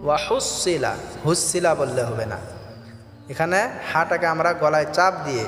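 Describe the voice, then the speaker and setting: A man teaching Quran recitation, chanting verses slowly and then explaining the pronunciation rules in a brisk spoken voice. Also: on the high side, fairly bright tone. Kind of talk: tajweed lesson, slow chanted recitation alternating with quick spoken explanation. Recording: echoey reverberant room with faint background music.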